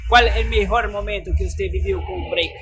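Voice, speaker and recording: High-voiced hesitant male interviewer. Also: fairly even intonation, moderate pace. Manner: hesitant questions, frequent short acknowledgments. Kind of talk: casual interview. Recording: music underneath.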